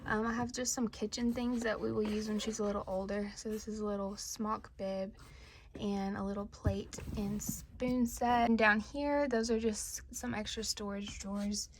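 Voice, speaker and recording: A woman's voice: medium pitch, steady tone, moderate pace, noisy background. A young woman chatting casually as she shows a room in her home, a bit out of breath. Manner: chatty, descriptive, uses "little" often. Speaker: vlogger. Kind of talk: casual home tour vlog.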